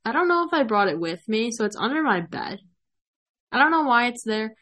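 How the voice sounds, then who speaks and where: A young woman hosts a casual podcast chat in a dry, mock-serious way, waving off her co-host's questions. Her voice sits a little high. She sounds dismissive and deadpan. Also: a little fast. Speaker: podcast host. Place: remote call.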